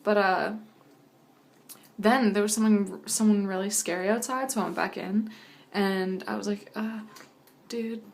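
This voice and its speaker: A woman in her early twenties casually recounts a dream in a hazy, halting, rambling way, with loose slangy phrasing. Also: mid-range voice, steady tone, vocal fry, darkish tone, slight background noise. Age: early 20s. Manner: acts out quoted exchanges in casual slangy speech.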